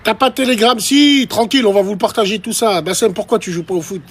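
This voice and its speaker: Talking fast in a high-pitched, husky voice, a man rants on a live stream. He addresses his chat directly in a casual, crude, provocative and mocking way.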